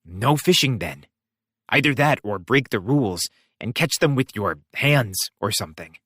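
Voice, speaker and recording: A man narrating a novel in the first person, wry and expressive. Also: mid-range voice, moderate pace, dry recording, studio quality. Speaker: audiobook reader.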